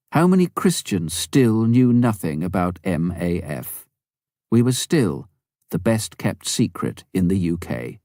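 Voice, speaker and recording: Narrating a memoir for an audiobook, this man has a low pitch and a lively, up-and-down intonation. His recording is close and dry, carrying very little room character and no echo.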